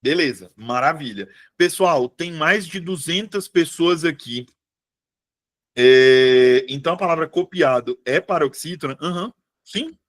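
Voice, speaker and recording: Speaking a little slowly, a man teaches a live online exam-prep class with a voice slightly high for a man. His manner is informal and chatty, and he regularly checks in with his audience.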